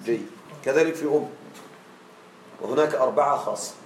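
A man teaching Arabic grammar to a class. He often checks that his students follow along and draws out the example forms slowly. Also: medium pitch, reverberant, a little hiss or hum, poor audio. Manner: checks on students with frequent questions; drawn-out slow spelling of example forms.

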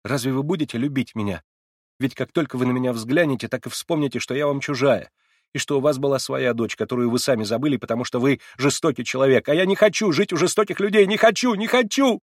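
A man reading aloud and voicing a distraught, defiant young orphan girl who shouts and sobs. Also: fairly even intonation, fast talker, dry recording, clean studio sound, lightly acted. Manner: shrill, sobbing, shouting outbursts.

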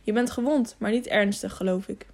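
A woman voicing a gentle, reassuring knight. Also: medium pitch, a little fast, natural voice. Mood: calm reassuring. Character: calm caring male knight, middle-aged.

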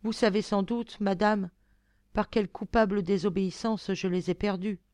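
A woman's voice: medium pitch, fairly even intonation, moderate pace, a little mellow, no room sound, close to an everyday voice. A woman voicing an earnest young fairy-tale princess who pleads with emotion. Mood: pleading.

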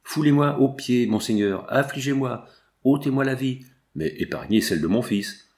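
A man's voice: medium pitch, moderate pace, a little mellow, lightly acted. A man reading the part of an elderly monk who pleads passionately for his son's life. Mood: pleading. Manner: impassioned, pleading. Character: old monk and father pleading for his son. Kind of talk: audiobook character reading.

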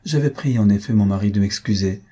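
A man's voice: fairly low pitch, fairly quick, mellow, breathy edge. A man reading aloud, voicing a reserved, proud young countess who answers curtly. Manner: curt, restrained replies.

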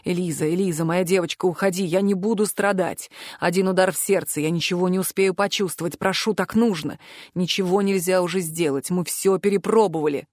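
A woman's voice: on the low side, normal speed, dry recording, clean studio sound, voice pushed down, lightly acted. Woman voicing a weary resigned young man. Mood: pained tender. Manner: quiet, tired, detached.

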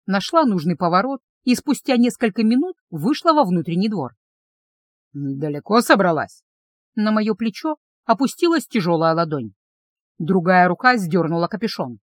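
A woman narrating a first-person fantasy audiobook in an expressive storytelling manner. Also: medium pitch, moderate pace, no room sound.

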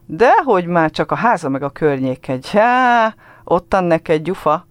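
A man's voice: high voice, very animated, smooth, no echo, pitched above the performer's own voice. A man reading a story aloud, voicing a shy, tearful little village boy who talks earnestly in a dialect-tinged, childlike way. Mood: eager. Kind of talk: literary reading.

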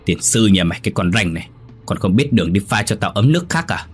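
A man's voice: on the low side, sing-song, quick pace, husky, soft background music. A man voicing a grumpy old male landlord who scolds his servants and stammers in fright. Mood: angry scolding. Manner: shouting, stammering in terror.

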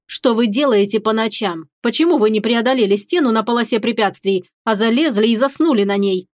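A woman voicing a cruel, sneering female drill instructor in an audiobook, spitting out insults slowly and with contempt. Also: a little high, dry recording, clean studio sound, natural voice. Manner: slow, spat-out insults, contemptuous. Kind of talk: audiobook character voice.

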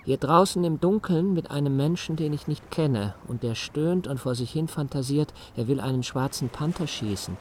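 Radio play: man voicing a sullen, wary young man, quiet delivery. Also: on the high side, normal speed, hardly any pauses, slight background noise, lightly acted. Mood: subdued. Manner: quiet and subdued. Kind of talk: radio drama acting.

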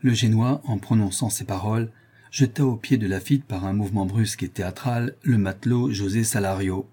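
Dark, husky man narrating. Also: fairly low pitch. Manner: measured, steady. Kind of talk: audiobook reading.

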